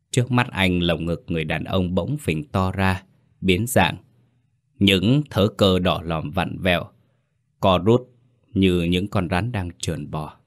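A man narrating a horror story in a measured, dramatic scripted style. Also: deep voice.

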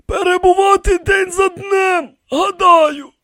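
A man voicing an ancient, frail high priest in an audiobook, with a shrill, quavering, half-wailing delivery. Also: steady tone, takes it slowly, pushed and bright, no echo, studio quality, heavily acted. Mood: weary. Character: ancient frail male high priest, seven thousand years old. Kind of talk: audiobook character voice.

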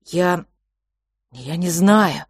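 A woman's voice: lowish voice, husky, no room sound, heavily acted. A woman voicing a frightened young boy close to tears who stammers and breaks off mid-sentence. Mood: frightened halting. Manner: halting, stammering, unsure.

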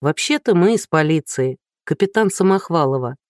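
A woman's voice: low-pitched, normal speed, dry recording, clean studio sound. A reader doing a tactful, firm woman police captain. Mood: steady. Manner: calm, delicate, firm.

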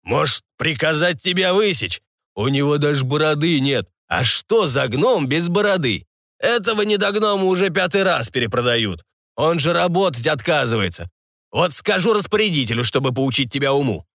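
A man doing a gravelly, haughty fat rich man. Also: medium pitch, expressive, fast, few pauses, sharp tone, dry recording, studio quality, exaggerated voice. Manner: haughty and threatening. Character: fat, pompous rich male buyer.

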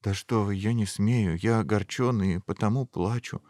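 A man's voice: lowish voice, moderate pace, a little mellow, dry recording, studio quality, close to an everyday voice. A man voicing a tearful, self-pitying young prince in a storybook, whiny and plaintive.

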